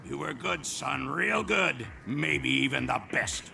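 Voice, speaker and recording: A man putting on the slow, taunting voice of a male demon in his head. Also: mid-range voice, animated, vocal fry, pushed and bright, voice pushed up, exaggerated voice. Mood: mocking. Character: gravelly mocking inner voice demon, male. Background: music.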